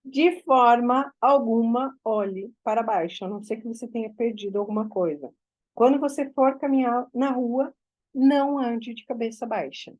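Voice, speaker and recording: A woman leads a group mentoring session. She speaks in a direct, instructive way, and her voice sits on the higher side. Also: moderate pace, darkish tone, highs cut off.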